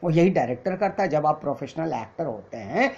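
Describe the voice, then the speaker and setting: A man's voice: a little high, animated, fairly quick, darkish tone. Lecturing acting teacher, man, lo-fi sound. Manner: explanatory, mixes English terms into Hindi. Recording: dull lo-fi recording.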